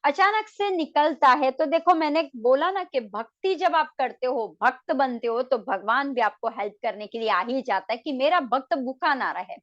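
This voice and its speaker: High-voiced woman telling a devotional story. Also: normal speed, hardly any pauses, highs cut off. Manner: lively narrator, mixes English words into her Hindi. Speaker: naturopathy and yoga doctor.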